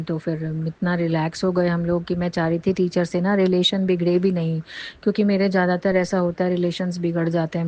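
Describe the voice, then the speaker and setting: A woman's voice: on the low side, dark tone, lo-fi sound. A middle-aged woman telling a long, earnest, rambling story of faith and thanks. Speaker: devotee sharing a testimony. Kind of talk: personal testimony monologue.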